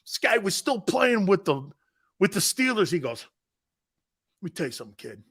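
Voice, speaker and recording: A middle-aged sports talk show host tells stories, laughing and imitating other people's voices, before moving into an ad read. He has a high, husky, a bit bright voice, very animated at a moderate pace.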